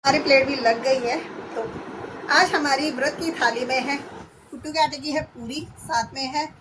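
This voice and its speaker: A hoarse woman in her thirties chatting through a home vlog, describing her chores step by step. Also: high voice, normal speed, background noise. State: hoarse, voice going. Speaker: vlogger. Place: at home, indoors.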